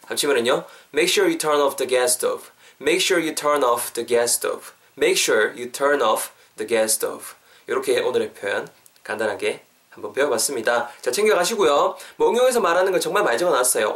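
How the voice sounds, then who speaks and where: A young English teacher hosting a podcast walks listeners through phrases, repeating them slowly so they can drill along. His manner is upbeat and coaxing, and his pitch lifts suddenly here and there.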